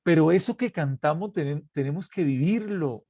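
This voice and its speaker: A man's voice: on the high side, expressive, normal speed, dark tone, breathy edge, no room sound. A man who is a priest, giving a sermon and telling anecdotes, acting out the exchanges he quotes. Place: parish recording.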